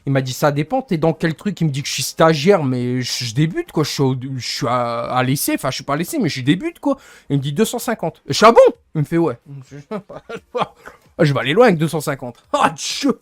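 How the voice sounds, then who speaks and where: A man's voice: a little high, sing-song, fast, hardly any pauses, no room sound. A young man venting to his stream chat in a rambling, annoyed way, often searching for words. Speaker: livestreamer.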